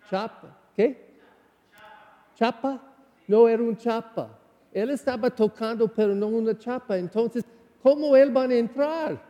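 Earnest priest with an American accent. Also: male voice, sits high, warm tone, big-room sound. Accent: American English. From United States. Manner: slow, earnest preaching with non-native phrasing. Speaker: parish priest. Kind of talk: Sunday homily.

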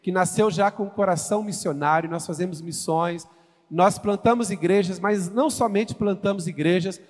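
Here a guest pastor in his fifties, a Brazilian with a Goiás accent, introduces his sermon to the congregation in a church sanctuary. His voice sits high and moves at a normal speed, full of exclamations and questions for the crowd, with church hall reverb around it.

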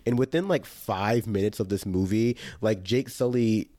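A young man with a lowish voice hosts a casual podcast chat. He talks loosely, drops in constant fillers and breaks into animated asides. The sound is dry and close. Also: normal speed, no room sound. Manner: filler-heavy, animated, laughing impressions. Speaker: podcast host.

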